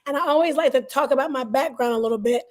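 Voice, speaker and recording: High, hoarse-voiced woman guest. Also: quick pace. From Southern US, Alabama and Georgia. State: slightly hoarse, scratchy voice. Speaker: guest, entrepreneur. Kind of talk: interview answers.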